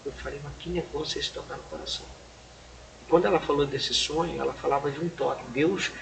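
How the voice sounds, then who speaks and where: Gravelly Brazilian man telling a testimony. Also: fairly high pitch, low-quality recording. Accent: Brazilian Portuguese. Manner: lively storyteller, keeps saying "rapaz", acts out dialogue. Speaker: evangelist guest on a church podcast. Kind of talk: casual testimony storytelling. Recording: clear background noise.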